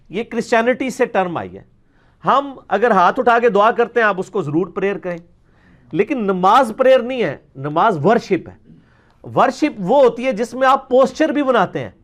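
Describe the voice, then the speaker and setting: A man speaking with a Pakistani Punjabi accent gives a casual religious Q&A talk. His voice is high, and he explains things forcefully in everyday language while making sure the listener keeps up.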